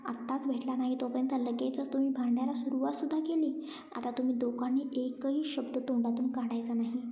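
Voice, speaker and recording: A woman's voice: sits high, steady tone, a little fast, dark tone. A woman doing a coaxing affectionate younger sister. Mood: scolding. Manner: pleading, coaxing. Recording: roomy, muffled lo-fi recording.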